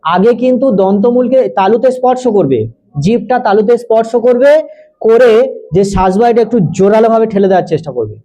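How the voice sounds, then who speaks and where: Male tutor, high and soft-toned, patient explainer who dictates definitions slowly. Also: poor audio. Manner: explains step by step, repeats key terms and checks students' understanding. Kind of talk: Bengali grammar lesson for students.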